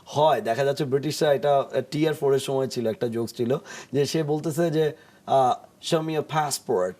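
A man appearing as a studio guest on a TV talk show, explaining English pronunciation patiently, acting out jokes and pausing often with hesitation sounds. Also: mid-range voice, darkish tone.

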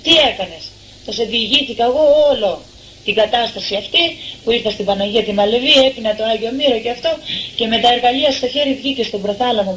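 A woman's voice: a little high, a little hiss or hum, poor audio. An older woman giving a personal testimony, telling her story earnestly and voicing what others said to her. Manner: earnest, acts out the lines of others. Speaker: testimony giver.

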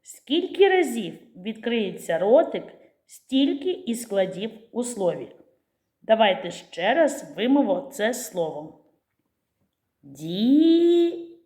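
With big swings in her medium pitch and a darkish tone, a Ukrainian-accented woman gives small children a preschool literacy lesson. She speaks slowly, clearly, and in a sing-song rhythm.

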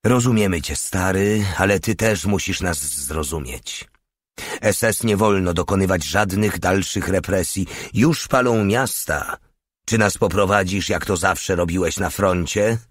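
A man's voice: low-pitched, unhurried, no room sound, clean studio sound. A man voicing a small, scarred male desert legionnaire in an audiobook, fierce and scornful as he rallies his comrades. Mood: persuasive.

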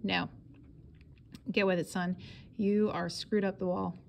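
A woman's voice: mid-range voice, level tone, measured pace, vocal fry, a little hiss or hum. A woman reading as a blustering, scolding father. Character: angry middle-aged father scolding his runaway son.

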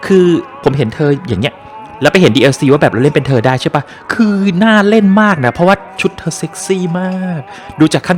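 A man commentating a horror game as he plays it, excitable and joking, with frequent exclamations. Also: mid-range voice. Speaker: gaming streamer. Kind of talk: casual let's-play commentary. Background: game music.

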